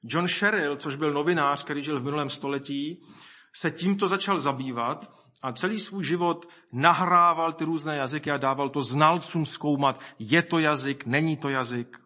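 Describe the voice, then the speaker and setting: A man preaching a sermon, reflecting aloud, reading scripture and quoting people in lively voices. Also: on the high side.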